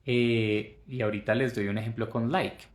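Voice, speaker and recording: A man from Colombia teaching English in Spanish, slowly modeling English phrases and repeating them for learners. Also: mid-range voice, fairly even intonation, echoey room. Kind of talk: Spanish-language English lesson.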